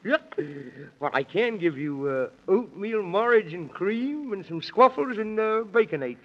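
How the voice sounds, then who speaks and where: Casting: fussy, befuddled old-radio fantasy fellow, high-pitched and swooping, dithering and repeating himself, dull vintage recording. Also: male voice, animated, measured pace. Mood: fussy, chatty. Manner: dithering, repeats himself, pedantic nonsense logic. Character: fussy, befuddled, excitable Man in the Moon. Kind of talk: 1930s children's radio serial acting.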